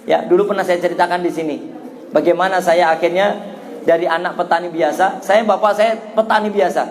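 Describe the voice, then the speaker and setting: High-voiced Javanese man preaching. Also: brisk, slight background noise. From Java, Indonesia. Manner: animated storyteller who acts out childhood voices. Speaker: Islamic preacher. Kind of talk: sermon with personal storytelling.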